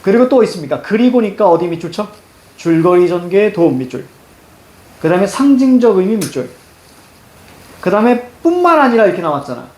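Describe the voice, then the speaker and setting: Brisk yet given to long pauses, a high-voiced man teaches reading for exams in a reverberant space. He takes students through a passage in a lively way, repeatedly saying "자" and prompting them with questions.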